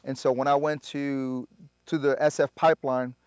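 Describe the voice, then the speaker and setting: Relaxed man, dry sound. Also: medium pitch, clear, resonant tone, no echo. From Puerto Rico. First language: Spanish. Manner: relaxed, halting, lots of filler sounds. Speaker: army veteran guest. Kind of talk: casual interview storytelling.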